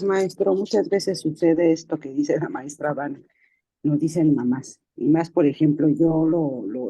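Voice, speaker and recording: Female preschool teacher, mid pitch, very dark and husky voice; earnest panel speaker. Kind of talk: panel discussion.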